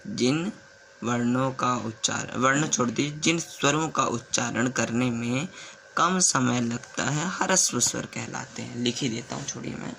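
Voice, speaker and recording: A man teaching the alphabet in a slow classroom way. He repeats sounds, asks the class questions and writes on a board as he goes. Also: medium pitch, vocal fry, pushed and bright, a little hiss or hum. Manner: stops to write on a board while talking. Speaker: Hindi teacher.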